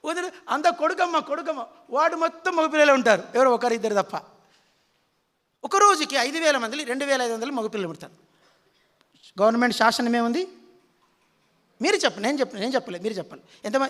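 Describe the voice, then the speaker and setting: Preacher, male, very high and forceful voice, keeps quizzing the congregation, long reverb of a hall. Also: expressive, brisk, pauses often. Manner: quizzes the audience with repeated questions. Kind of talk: sermon.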